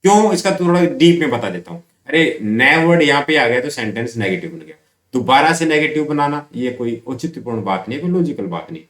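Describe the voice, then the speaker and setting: A man teaching English grammar to school students, asking questions and answering them himself, reading English examples out slowly word by word. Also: medium pitch, fairly bright tone, reverberant. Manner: explains slowly, asks and answers his own questions.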